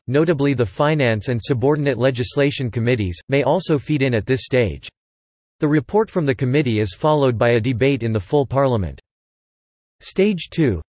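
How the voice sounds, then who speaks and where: A computer-generated man reads an encyclopedia article aloud at an even, steady clip. His voice sits at a middling pitch and the sound is bone-dry, with no room around it. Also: dry recording. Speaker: text-to-speech reader. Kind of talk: synthetic article narration.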